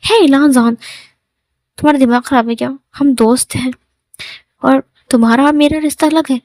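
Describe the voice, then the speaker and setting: A teasing, playful young man in love, read by a woman storyteller. The voice sits fairly high, light and quick to rise when he is caught off guard. It is recorded dry, with no room around it. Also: fairly even intonation, darkish tone, dry recording. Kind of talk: storytelling in Hindi.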